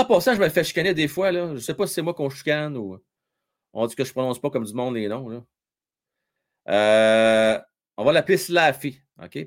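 A man with a Quebec French accent hosting a casual live hockey stream, joking and reading viewers' comments aloud. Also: medium pitch. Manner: chatty, jokey, reads viewer comments aloud, many fillers.

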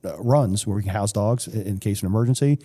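A police K-9 sergeant in his fifties chats casually as a podcast guest, rambling and often restarting or correcting himself mid-sentence. His lowish voice is warm, fast, and slightly breathy, with a big-room sound.

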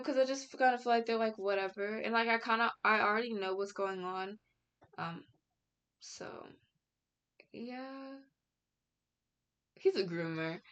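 Rambling young woman, gravelly fry. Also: fairly high pitch, a bit bright. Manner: rambling with many fillers and restarts; outspoken, frequent casual slang. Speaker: commentary vlogger. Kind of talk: casual reaction commentary.

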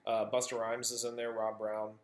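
A man with a mid-range voice co-hosts a casual film podcast. He adds trivia and introduces films in a relaxed, agreeable way. His voice carries a noticeable roomy echo. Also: medium pitch, moderate pace. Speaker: podcast co-host.

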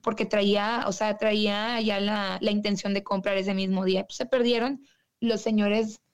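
A woman's voice: medium pitch, little pitch movement, normal speed, clear, resonant tone, lo-fi sound. A woman from Monterrey with a northern Mexican accent, telling her stories as a guest in a casual, slangy way. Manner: chatty, slangy, quotes people in her stories. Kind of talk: casual storytelling in an interview.

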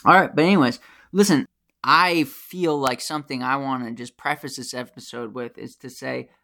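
American guy ranting on his podcast, gravelly voice, swears a lot, gets real worked up. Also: mid-range voice, steady tone, normal speed, bright, forceful tone. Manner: passionate, ranting and profane. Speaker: podcast host. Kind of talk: opinionated solo commentary.

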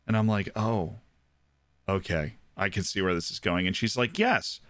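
A man from the United States co-hosting a casual football chat, talking in an animated, joking way. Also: lowish voice, moderate pace, no echo. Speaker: football podcast co-host.

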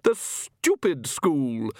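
A man's voice: mid-range voice, huge pitch swings, extremely slow, no echo, clean studio sound, exaggerated voice. A man voicing a haughty older female vampire countess, condescending and sweetly menacing.

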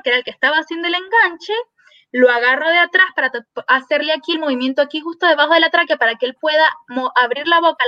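A woman veterinarian guest on a podcast, telling a lively story and acting out the dialogue in quoted voices. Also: sits high, no room sound, dull audio.

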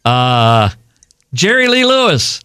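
Animated joking podcast co-host man. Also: medium pitch, slow, clear, resonant tone, dry recording, studio quality. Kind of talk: casual chat.

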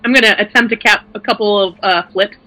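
A woman's voice: medium pitch, fairly even intonation, fast, bright, forceful tone, poor audio. A woman playing a tabletop game, chatty and explaining her plans step by step. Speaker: player. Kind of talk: casual tabletop play.

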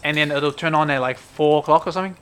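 A man's voice: a little high, fast talker, fairly bright tone, clean tone. A man in his thirties with a broad New Zealand accent, chatting casually as a podcast co-host. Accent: broad New Zealand (Kiwi). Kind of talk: casual chat explaining slang.

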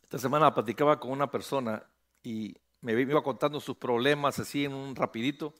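A man's voice: mid-range voice, steady tone, fairly quick, a bit bright. A middle-aged man, a pastor preaching a sermon, calling on the congregation to repeat after him and rising to emphatic peaks.

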